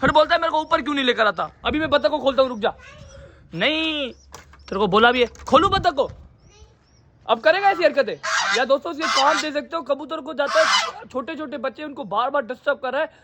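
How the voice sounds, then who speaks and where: High bright-voiced young man vlogging. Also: a little fast, slight background noise. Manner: coaxing, scolding, running commentary while handling birds. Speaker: pet vlogger. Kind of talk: casual vlog chat.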